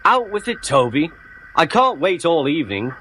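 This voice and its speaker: A man's voice: on the high side, very animated, normal speed, pushed and bright, a little hiss or hum, voice pushed up. A man voicing a proud, impatient tank engine who blusters and boasts, in a storybook tale. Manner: brash, blustering.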